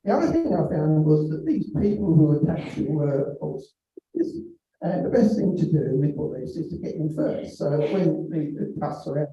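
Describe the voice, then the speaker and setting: A man's voice: a little high, dark tone. Older man rambling through school stories. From England. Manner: halting, many restarts and asides. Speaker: comedian. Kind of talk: rambling standup storytelling. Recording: distant, dull, very echoey room.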